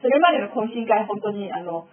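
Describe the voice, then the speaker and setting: A woman's voice: medium pitch, lively intonation, brisk. A woman teaching a spiritual school's lesson in a spoken lecture, explaining with acted-out examples. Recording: tinny phone-like sound.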